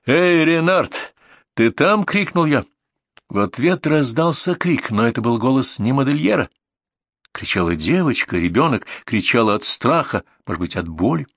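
A man's voice: medium pitch, sing-song, normal speed, fairly bright tone, dry recording. A man narrating a first-person audiobook in a tense, dramatic way, recorded in a dry booth.

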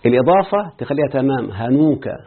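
A man's voice: mid-range voice, animated, fast talker. A man with an Egyptian accent, a sheikh explaining an Arabic grammar text and quizzing his students as he goes. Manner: quizzing students with repeated checks. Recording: tinny phone-like line.

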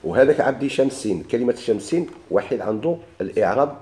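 Fast, mellow-voiced Moroccan teacher. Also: male voice, medium pitch, lively intonation. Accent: Moroccan Arabic. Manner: quotes verses, then explains step by step with questions to students. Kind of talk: classical grammar lesson.

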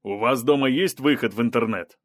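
A man's voice: medium pitch, fairly quick, dry recording, clean studio sound, natural voice. A man voicing a stern male federal police officer giving curt commands. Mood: businesslike.

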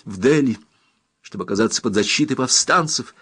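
A man's voice: medium pitch, animated, fairly quick, sharp tone, slightly rough. A man reading aloud, voicing a brave young woman with a raised, urgent, pleading voice in an audiobook. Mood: earnest.

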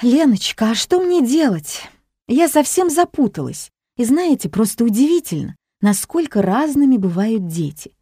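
A theatrical older grandmother who gasps at everything and delivers strange verdicts with calm conviction, as a woman reader puts her on. The voice is lifted high above the reader's own, with a mellow warmth. It sounds close and dry, with no room around it. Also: normal speed, husky, no room sound. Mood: plaintive. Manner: dramatic, gasping, fond of odd pronouncements.

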